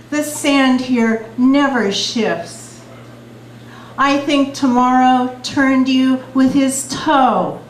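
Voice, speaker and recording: A distant, echoey room recording with faint noise carries a woman reading beat poetry. Her voice is fairly high and she speaks slowly, setting each phrase down deliberately with pauses between lines. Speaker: poet reading at a poetry event.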